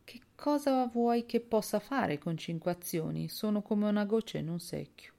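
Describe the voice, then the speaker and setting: A woman's voice: mid-range voice, normal speed, vocal fry, warm tone, pitched above the performer's own voice, close to an everyday voice. A woman voicing a brusque, impatient man. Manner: brusque and dismissive. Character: brother-in-law, impatient, easily alarmed man.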